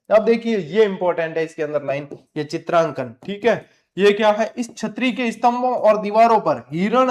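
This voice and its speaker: A male teacher giving an exam-prep lecture, asking the class questions and answering them himself, with frank, scolding advice. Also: sits high.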